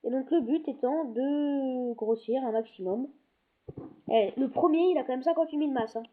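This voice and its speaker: Woman with a high voice chatting over a game, keeps trailing off, tinny phone-like sound. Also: normal speed. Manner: rambling, keeps cutting herself off. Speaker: gaming video host. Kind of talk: casual gameplay commentary.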